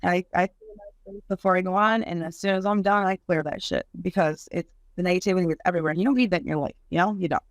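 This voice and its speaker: A woman's voice: fairly low pitch, steady tone, fast talker, few pauses, no echo, studio quality. A woman hosting a podcast, chatting in an open, laid-back way and swearing casually. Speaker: podcast host. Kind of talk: casual chat.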